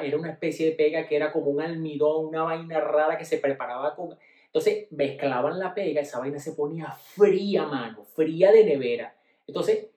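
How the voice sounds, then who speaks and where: A middle-aged Venezuelan man casually telling family stories, slangy and animated, dropping to low mutters and rising to loud bursts. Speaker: podcast host. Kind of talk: casual storytelling monologue. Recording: roomy echo.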